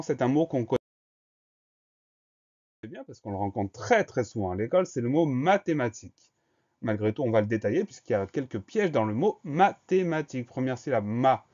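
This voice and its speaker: Man teacher, middle pitch, careful letter-by-letter spelling dictation, slightly muffled lo-fi recording. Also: mellow.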